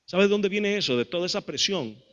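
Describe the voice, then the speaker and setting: A middle-aged Costa Rican man preaching a sermon as pastor, lively, acting out what people say and calling out to the congregation. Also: high-pitched, a little fast, dull audio. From Costa Rica. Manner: lively, acts out quotes, calls to the crowd.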